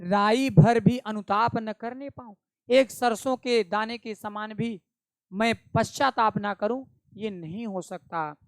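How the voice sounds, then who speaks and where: Male Hindi teacher, slow and emphatic, smooth clear voice, dry close sound. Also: sits high, no room sound. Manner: slow, emphatic explaining with rhetorical questions. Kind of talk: classroom poetry explanation.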